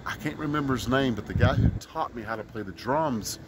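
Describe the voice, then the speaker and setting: A man's voice: mid-range voice, a little fast. A middle-aged man from Mississippi, a street musician talking earnestly with many fillers in a casual outdoor interview. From Mississippi, US South. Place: outdoors in a city park by a street. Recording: outdoor street noise behind.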